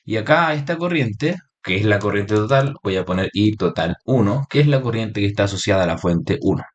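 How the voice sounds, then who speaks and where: A man teaching electronics through a screen-recorded software tutorial, explaining each step and checking in with frequent short questions. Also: on the low side, expressive, fairly quick, lo-fi sound.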